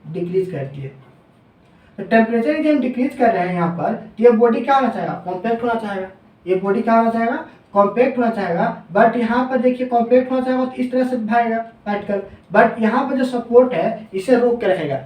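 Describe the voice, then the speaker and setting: In a classroom lecture, a male engineering teacher poses questions and answers them himself, his voice dropping lower on the answers and slowing when he dictates formulas. His tone is darkish, and he sounds distant and off-mic in an echoey room.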